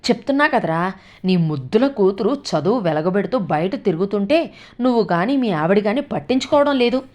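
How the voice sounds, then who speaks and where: A woman voicing a sharp-tongued, nagging old grandmother in a read-aloud story, scolding and grumbling. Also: mid-range voice, lively intonation, brisk, close to an everyday voice. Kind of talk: storytelling with character voices.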